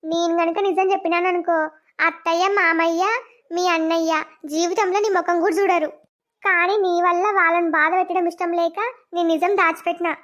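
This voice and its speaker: Woman voicing a stern, very high young wife. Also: little pitch movement, a little fast, fairly bright tone. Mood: scolding. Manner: scolding, blunt village speech. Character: stern young wife, sharp-tongued when crossed. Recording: dull lo-fi cartoon audio.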